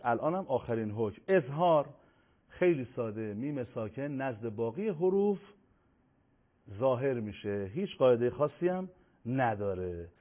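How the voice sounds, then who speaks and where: A man teaching a Quran recitation lesson on tajweed rules, explaining in a measured way and slowing down to recite and spell out each example. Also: mid-range voice. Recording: tinny phone-like audio.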